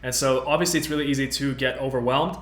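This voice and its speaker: A man in his twenties chats casually through a live-stream tutorial, upbeat and loose, with plenty of fillers. His voice sits in a middle pitch. The sound carries a noticeable room echo. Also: fairly even intonation, quick pace. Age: 20s. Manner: casual, upbeat, many fillers, reads out chat. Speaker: host. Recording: roomy echo.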